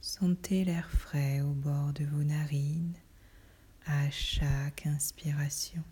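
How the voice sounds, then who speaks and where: A woman whispering a guided relaxation in a soft, breathy, soothing voice, with slow delivery and long pauses. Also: low-pitched, fairly even intonation.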